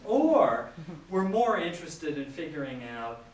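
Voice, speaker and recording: A man's voice: on the high side, sing-song, measured pace, a little mellow. Man in his 60s lecturing in an echoey hall. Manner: chatty and self-deprecating, with many fillers. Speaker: professor giving a public lecture. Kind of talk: informal public lecture. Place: large lecture room with an audience. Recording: echoey hall, mic at a distance, audience noise.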